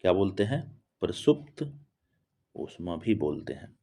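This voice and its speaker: A man's voice: deep voice, very animated, unhurried, mellow. A man teaching chemistry in a lesson, repeating key terms word by word and answering his own rhetorical questions. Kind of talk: classroom-style lesson explanation.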